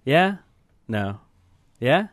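A man's voice: mid-range voice, big pitch swings, drawn-out words, no room sound, clean studio sound. A man co-hosting a casual podcast, talking hesitantly with lots of fillers. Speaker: podcast co-host. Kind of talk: casual chat.

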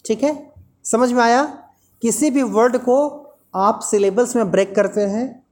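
A woman's voice: on the high side, unhurried, darkish tone. Woman, teacher, patient explaining, repeats words aloud. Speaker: English teacher. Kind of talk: explaining a lesson.

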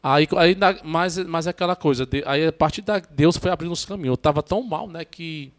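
Chatty priest with a northeastern Brazilian accent. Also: male voice, on the high side. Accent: northeastern Brazilian (Ceará). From Ceará, northeastern Brazil. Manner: halting and repetitive, tags "né?" often, restarts. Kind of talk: casual podcast interview storytelling.

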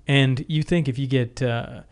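A man hosting a podcast in casual chat, thinking aloud with halting, repeated words. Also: mid-range voice, steady tone. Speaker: podcast host.

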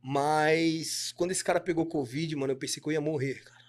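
Guesting on a podcast, a man who owns a clothing brand tells stories in relaxed, slang-filled conversation, performing the dialogue himself. He has a Brazilian Portuguese accent and a fairly high, steady voice, and he speaks briskly.

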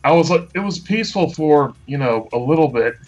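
A man's voice: fairly high pitch, lively intonation, a little fast, highs cut off, soft background music. A man co-hosting a casual chat on a headset, his voice hollow and tunnel-like, like a speakerphone. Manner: laid-back, rambling storytelling. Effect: hollow, tunnel-like sound like a speakerphone.

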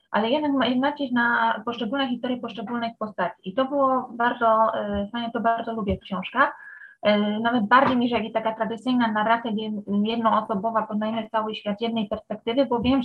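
A woman in a book club discussion, weighing a book's structure in long, thoughtful reasoning. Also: a little high. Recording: muffled lo-fi sound.

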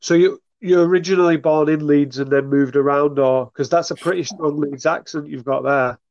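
Northern English man, slightly high, muffled sound. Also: steady tone, moderate pace, a little mellow, no room sound. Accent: northern English, Greater Manchester. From Rochdale, northern England. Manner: informal, conversational. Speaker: podcast host. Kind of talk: casual interview.

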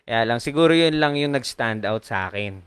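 A man's voice: mid-range voice, animated, normal speed, fairly bright tone, clean tone, no room sound, clean studio sound. A man co-hosting a casual podcast, giving his opinions in a reflective way and often asking for agreement. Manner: opinionated, reflective, asks for agreement with tag questions. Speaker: podcast co-host. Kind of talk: casual chat.

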